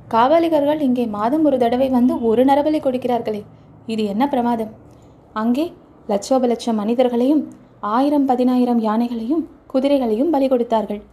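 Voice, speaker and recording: A woman's voice: sits high, warm tone, close to an everyday voice. A woman voicing a fierce skull-cult hermit woman with a hard, harsh voice in a storybook reading.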